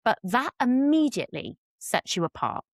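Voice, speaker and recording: A woman's voice: a little high, very animated, moderate pace, no room sound, studio quality. A middle-aged woman from Britain, a relationship expert talking candidly as a podcast guest, swearing freely and acting out quotes in a raised voice. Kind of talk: candid conversational interview.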